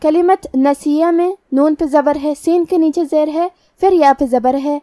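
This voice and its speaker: A woman teaching Quran recitation rules, explaining each letter methodically and reciting verses slowly and drawn out. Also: high-pitched, warm tone, no echo, clean studio sound. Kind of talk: tajweed lesson with slow recitation.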